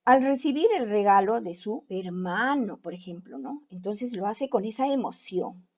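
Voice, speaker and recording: A woman's voice: mid-range voice, expressive, moderate pace, darkish tone. A woman teacher giving an online class to students, who keeps tagging her sentences with a checking "¿no?". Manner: keeps asking "¿no?" to check understanding. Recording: dull lo-fi home recording.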